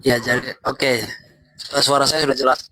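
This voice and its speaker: A man's voice: medium pitch, little pitch movement, pushed and bright, a little hiss or hum. Man on a choppy call. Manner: halting, restarting sentences. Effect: choppy breaking-up connection. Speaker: pastor. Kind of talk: joining a live online debate by call. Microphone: remote call microphone.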